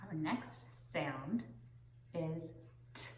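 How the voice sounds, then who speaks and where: A young woman teaching a children's phonics lesson in a deliberate singsong, pausing for the listener to repeat. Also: low-pitched, expressive, darkish tone, slight background noise. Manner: slow, deliberate singsong with pauses for repetition. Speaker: preschool teacher. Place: indoor classroom, seated on the floor. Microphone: camera a few metres away. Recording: roomy echo from camera distance.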